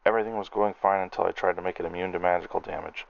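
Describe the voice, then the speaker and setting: A man's voice: low voice, steady tone, racing, gravelly, no room sound, lo-fi sound. A man voicing a cranky male gnome alchemist who rants and snaps in furious tirades. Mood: furious ranting.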